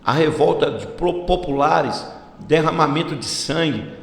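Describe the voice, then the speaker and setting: A man's voice: a little high, measured pace, creaky. Brazilian man narrating history in an echoey room. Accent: Brazilian Portuguese. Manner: reads a script, with slips and restarts. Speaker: channel host. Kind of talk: read-aloud history narration. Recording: echoey room with long reverb, faint hiss.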